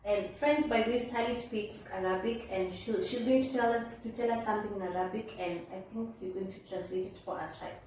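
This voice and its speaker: A woman's voice: mid-range voice, brisk, few pauses. A woman hosting a casual, chatty interview, addressing viewers directly in an encouraging way. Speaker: interviewer, host. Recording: echoey room, distant mic, faint noise.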